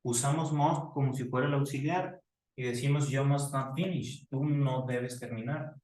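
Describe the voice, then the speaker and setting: A man's voice: mid-range voice, fairly even intonation, a little mellow, distant mic. Man teaching English grammar, echoey room. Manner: explains slowly, repeats example sentences. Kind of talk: classroom grammar lesson. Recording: roomy echo, voice from off mic.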